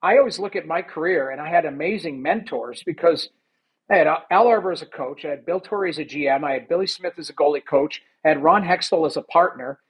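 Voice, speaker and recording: A man with a somewhat raised voice tells his stories in a casual interview. He is animated and rambling, and he lays fillers all through his talk. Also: on the high side, fairly quick, slightly rough, poor audio. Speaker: former hockey goalie, guest.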